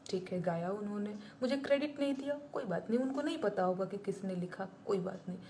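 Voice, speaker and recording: A woman who is a singer and songwriter talks casually to her audience and answers their comments. Her voice sits at an ordinary middle pitch, and she is emphatic and indignant. She keeps circling back to the same points to drive them home. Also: expressive, fast, dark tone, a little hiss or hum. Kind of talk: casual live chat with viewers, answering comments.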